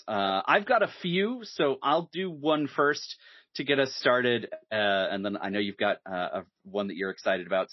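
A man hosting a podcast in casual chat, animated and hesitant with many fillers, laughing easily. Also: mid-range voice, no room sound. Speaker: podcast host. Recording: dull lo-fi sound, dry.

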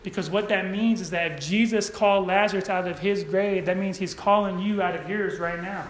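A male pastor preaching a sermon. He keeps checking in with the congregation and swings from quiet asides to loud, shouted calls. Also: high-pitched, fairly even intonation, a little fast. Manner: checks in with the congregation, asking "right?". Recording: echoey room.

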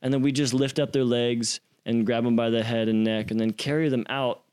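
A man's voice: medium pitch, steady tone, brisk, darkish tone, smooth. A young man casually telling a story as an interview guest, acting out quotes with slang and swearing.

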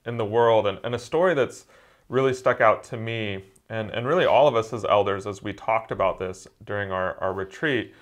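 A man who is a church elder, preaching in a relaxed, conversational way and telling a story with frequent "uh"s. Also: fairly low pitch, normal speed.

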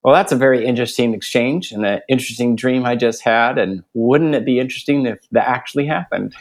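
A middle-aged Guatemalan man, a theology professor, talks thoughtfully about his life in an interview conversation. His voice is medium in pitch and his pace brisk.

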